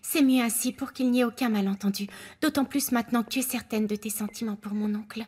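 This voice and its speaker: An actress dubbing a telenovela, playing a young woman who speaks calmly and reassuringly. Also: on the high side, quick pace, breathy edge. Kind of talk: dubbed telenovela acting.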